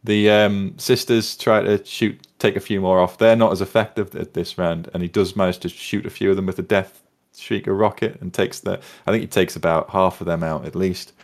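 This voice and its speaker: A man's voice: low voice, steady tone, normal speed. A man casually recapping a tabletop battle, rambling and self-deprecating as he thinks aloud. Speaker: tabletop wargame player recapping games. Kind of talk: casual chat.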